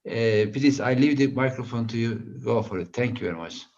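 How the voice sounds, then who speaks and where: A man chairing an online conference session over a video call, speaking haltingly with many hesitations. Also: medium pitch, a little mellow. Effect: heard over a video call. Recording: dull video-call audio.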